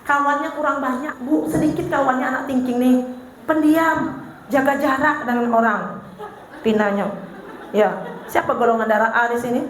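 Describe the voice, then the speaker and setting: A high-pitched, middle-aged woman with a Banjar accent speaks at a parenting seminar, telling humorous stories and playing every part with animation. Her voice rings through a very reverberant hall with a faint hiss underneath. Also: normal speed. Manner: animated, acts out her husband and herself in funny anecdotes. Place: large hall with an audience. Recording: very echoey hall, faint noise.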